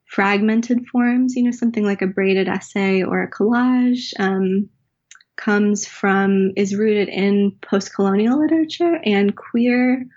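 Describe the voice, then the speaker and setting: An American woman writer and teacher answers questions in a reflective conversational interview, captured on a dull lo-fi recording. She speaks slowly in a medium-pitched, slightly mellow voice, thoughtful and searching, with restarts and filler.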